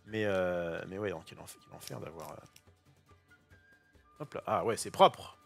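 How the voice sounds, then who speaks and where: A man hosting a casual card-opening session in his kitchen, chatty and excitable, thinking aloud and using casual slang. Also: low-pitched, measured pace, creaky, soft background music. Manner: self-interrupting, thinking aloud. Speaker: host opening trading card boosters. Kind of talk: casual unboxing commentary. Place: home kitchen.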